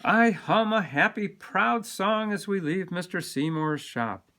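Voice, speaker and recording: Sitting high in pitch, the man's voice carries a children's picture book read aloud in a deliberate, expressive storytelling style.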